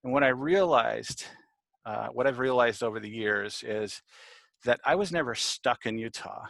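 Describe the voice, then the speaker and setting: A man's voice: mid-range voice, moderate pace, vocal fry, fairly bright tone, dry recording. Reflective man telling a personal story.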